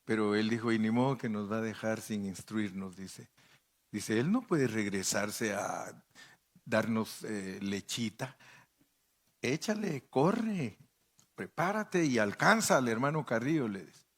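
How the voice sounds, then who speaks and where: A man's voice: fairly low pitch, lively intonation, measured pace. An older man preaching a sermon as pastor, telling folksy stories and acting out the people he quotes. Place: church.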